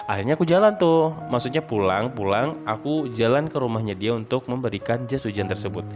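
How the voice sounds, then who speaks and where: A man casually telling a personal story in a chatty, dramatic, expressive way. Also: mid-range voice, a little fast. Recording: guitar music under the voice.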